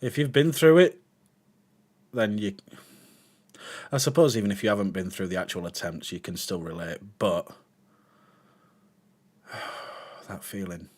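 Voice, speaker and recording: A man's voice: lowish voice, unhurried, pauses often. A man hosting a reaction video, talking casually and emotionally, sighing, swearing and searching for words.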